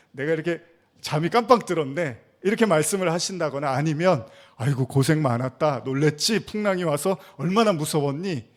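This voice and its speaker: A Korean pastor preaching a sermon in an animated way, asking rhetorical questions and acting out quoted lines. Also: male voice, a little high.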